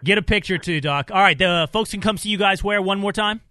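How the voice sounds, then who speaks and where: A man's voice: high voice, quick pace, bright, forceful tone, dry recording. A man hosting a radio talk show, chatting casually and joking with guests in the studio. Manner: joking, bantering, self-described country snob.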